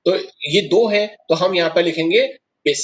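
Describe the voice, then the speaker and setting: At the board, a male chemistry teacher with a fairly high voice works through each step of the lesson, questioning his students along the way. He speaks at a moderate pace, and the lo-fi recording sounds dull, with slight background noise.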